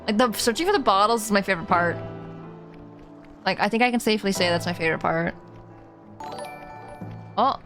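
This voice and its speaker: Cute, high-voiced woman streamer over game music. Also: expressive, a little fast, long pauses. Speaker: variety streamer and artist. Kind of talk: live game streaming commentary, chatting with viewers.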